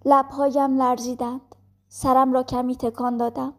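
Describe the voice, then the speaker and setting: A woman reading a classic novel aloud as an audiobook, calm and measured. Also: sits high. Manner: calm, measured storytelling with quoted dialogue. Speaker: audiobook narrator. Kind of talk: scripted narration of a classic novel.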